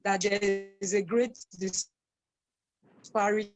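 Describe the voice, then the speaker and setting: A Nigerian woman speaking slowly and haltingly over a video call, her audio glitching and breaking up from a bad connection. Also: medium pitch, steady tone. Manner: slow and halting, with frequent ums. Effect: choppy, glitching audio breaking up over a bad connection. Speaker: panel speaker. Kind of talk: remote panel remarks.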